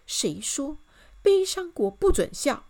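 A woman's voice: very high-pitched, very animated, moderate pace, voice pushed up. A woman voicing a cheerful, carefree young woman who giggles and coaxes. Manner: giggling, bubbly, coaxing.

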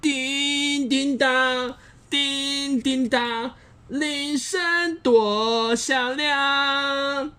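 A man voicing a small boy who refuses to sleep and sings in a high, drawn-out voice. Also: expressive, darkish tone, exaggerated voice. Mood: singing loudly. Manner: high, drawn-out sing-song.

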